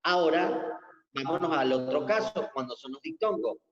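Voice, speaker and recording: A man's voice: on the high side, expressive. A man teaching a class, explaining step by step to his students in a classroom. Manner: slow, deliberate explaining, addressing students. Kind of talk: recorded classroom lesson. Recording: echoey lo-fi room sound with long reverb.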